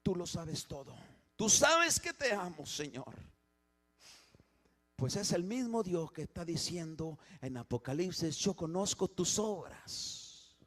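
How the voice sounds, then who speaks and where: A man preaching a sermon as pastor in a church, swinging from hushed, quiet passages to loud emphatic ones and often repeating and restarting his phrases. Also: a little high, very animated, measured pace, pauses often.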